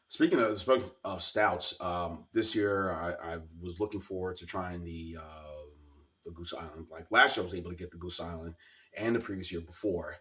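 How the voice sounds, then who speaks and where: A man's voice: low-pitched, a bit bright, distant mic. A man with a scratchy, sore-sounding throat gives a casual, informal product review as a video host, repeating words for emphasis.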